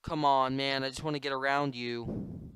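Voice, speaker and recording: A young man giving goofy, excitable commentary while playing a computer game, prone to sudden yelling. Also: mid-range voice, normal speed, smooth, dry recording, poor audio. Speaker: gamer. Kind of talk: gameplay commentary.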